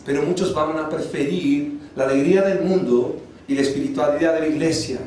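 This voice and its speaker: Man, pastor, sermon, high voice, booming church echo, faint background hum. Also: a little fast. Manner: lively preaching with acted-out voices and rhetorical questions. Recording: echoey church hall, distant mic.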